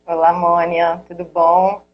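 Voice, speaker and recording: A woman's voice: fairly low pitch, monotone, slow, muffled recording, soft background music. A woman raised in Angola, a nutritionist guest in a live video interview, explaining her work while thinking aloud. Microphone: earphone mic.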